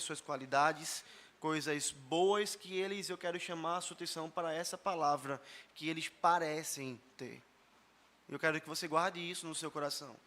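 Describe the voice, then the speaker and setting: A man with a Brazilian Portuguese accent, a pastor preaching a sermon, hoarse after a flu, speaking earnestly and directly to his congregation. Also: on the high side, bright, forceful tone. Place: church service.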